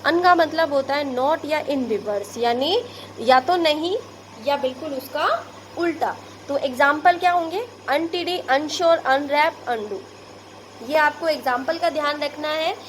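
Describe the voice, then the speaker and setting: Woman, Indian Hindi accent, high pitch, patient classroom teacher, repeats examples, slight hiss. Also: a little slow. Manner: patient, addresses pupils as "beta", repeats and explains each example. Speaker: school English teacher. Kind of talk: classroom lesson explaining word prefixes.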